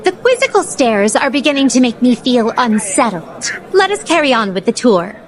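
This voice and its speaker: A woman's voice: fairly high pitch, very animated, normal speed. A woman voicing a poised, curious and naive otherworldly attendant in a video game, speaking in formal, flowery and overly polite phrases. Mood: playfully earnest. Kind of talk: scripted video game dialogue.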